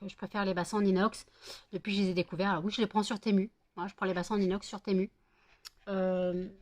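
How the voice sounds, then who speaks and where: A middle-aged woman at home, chatting to camera between bouts of cooing baby talk to her dogs, rambling with plenty of fillers. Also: medium pitch. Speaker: vlogger and home candle maker.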